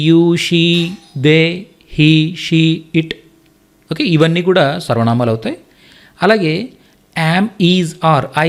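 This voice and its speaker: A man teaching a Hindi lesson, explaining slowly and repeating each word for learners. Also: fairly high pitch, a little mellow. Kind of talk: spoken language lesson.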